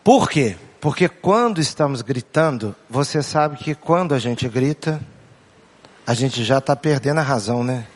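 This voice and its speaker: A man's voice: medium pitch, animated, unhurried. A man with a Brazilian Portuguese accent, a pastor giving a humorous sermon, joking with the congregation and repeating his key points. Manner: playful, acts out family voices and jokes with the crowd; asks the congregation questions and repeats key phrases.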